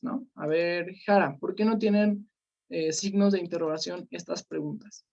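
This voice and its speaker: A woman teaching an online class, calling on students by name and filling pauses with "este" and "eh". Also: fairly low pitch, steady tone, gravelly, warm tone. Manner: questioning students by name, many fillers. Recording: slightly dull lo-fi sound.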